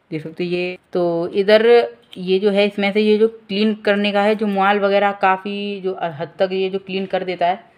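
A man's voice: sits high, a little mellow. Chatty teenage boy vlogging on his phone. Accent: Hindi. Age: teens. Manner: chatty, keeps saying "guys". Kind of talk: casual vlog. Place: home room and outdoors on a motorbike. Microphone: phone camera held at arm's length.

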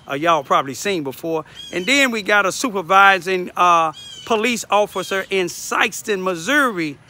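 An older man, a local citizen reporter, gives informal, emphatic commentary into a phone held at arm's length while standing in a backyard. In this selfie vlog he repeats himself for emphasis. His voice is high-pitched, pushed, and bright.

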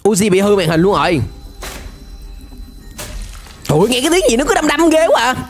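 Very high-pitched and very animated, the young man talks a little fast while exclaiming over a cartoon for his reaction video. Cartoon soundtrack music fills the background of his indoor gaming room, where he uses a headset and a close mic on a boom arm.

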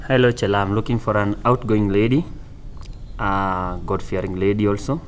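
A man's voice: lowish voice, moderate pace, slight background noise. A Kenyan man in his twenties, answering confidently as a dating show contestant. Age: 20s.

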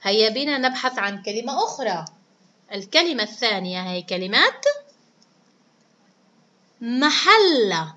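A woman's voice: medium pitch, expressive, a little fast, pushed and bright, highs cut off. A woman teaching a children's reading lesson, praising them often and stretching words out syllable by syllable. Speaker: primary school teacher.

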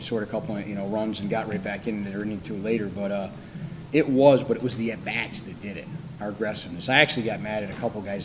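Older male coach, low-pitched, candid and rambling, table mic, background noise. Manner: candid, rambling, dry humor. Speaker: college baseball coach. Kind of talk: postgame press conference. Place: press conference room. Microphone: table microphone.

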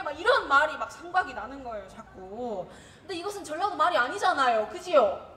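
Bright young woman with Jeolla accent. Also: sits high, a little hiss or hum. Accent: Jeolla dialect. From Gwangju, Korea. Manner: lively, chatty, acts out quotes. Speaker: dialect contest speaker. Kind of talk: comic storytelling speech. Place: large echoey hall. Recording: echoey hall recording.

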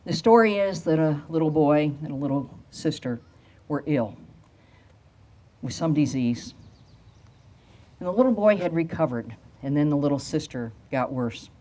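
A woman's voice: low voice, animated, dark tone. Older woman preaching a storytelling sermon. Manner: storytelling sermon with slowed emphatic phrases. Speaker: pastor. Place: outdoor amphitheater at a lectern. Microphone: handheld microphone.

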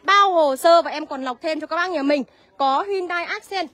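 Young girl selling used cars on a livestream, quick salesy patter, bright tone. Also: extremely high pitch, no room sound. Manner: brisk salesy patter, reads out viewer comments. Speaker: used car seller.

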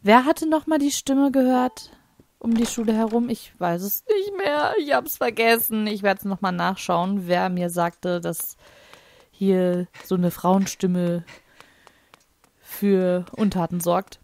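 Unhurried, laughing let's-play woman. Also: medium pitch, gravelly, darkish tone. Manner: thinks aloud, laughs often, wry and teasing. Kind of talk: casual gameplay commentary.

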